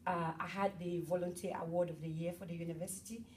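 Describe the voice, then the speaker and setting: A woman's voice: on the low side, quick pace. Bubbly woman from cameroon giving a talk, mic a bit far off, faint hiss in the room. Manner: bubbly, animated, chatty with the audience. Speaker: motivational speaker. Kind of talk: public talk at an event. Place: event room with an audience.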